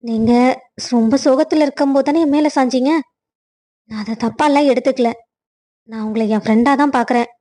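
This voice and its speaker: Woman as a gentle, high-voiced young cartoon heroine, soft and pleading. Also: brisk, pauses often. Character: gentle young woman, kind and caring friend.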